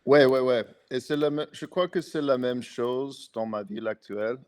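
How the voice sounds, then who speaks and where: A man from the United States, a native English speaker with an American accent, talks casually as a podcast guest. His mid-range voice has a darkish, clean tone and a moderate pace, and his speech is careful and hesitant, full of restarts.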